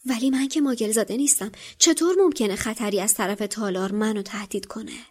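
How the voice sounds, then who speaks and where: A woman voicing a brave young wizard boy who presses urgently, now hushed, now sharp, in a dramatic book reading. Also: fairly high pitch, husky.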